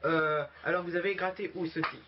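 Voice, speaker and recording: A man speaking as a game show host, running the show and interviewing contestants in a halting, improvised way, often repeating his words. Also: a little high, flat delivery. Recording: dull lo-fi sound with faint noise and clicks.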